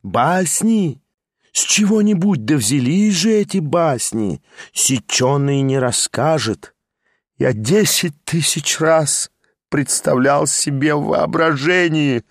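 A man reading an audiobook, voicing a frightened, tearful aging gentleman who pleads in a hushed, anxious way and drops in French phrases. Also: a little high, lively intonation, slow, no room sound, clean studio sound, exaggerated voice. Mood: anguished.

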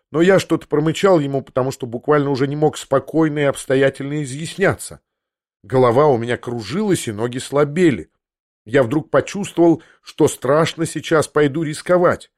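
A man's voice: on the high side, no echo, clean studio sound. Man reading an audiobook expressively. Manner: expressive, acting out the dialogue. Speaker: audiobook narrator. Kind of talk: scripted narration of a classic novel.

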